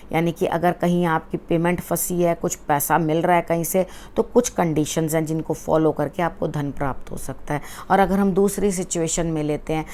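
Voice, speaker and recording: A woman tarot reader giving a weekly forecast, speaking earnestly to the viewer and often checking in with a quick "okay" as she advises. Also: sits low, darkish tone. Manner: mixes English words into Hindi.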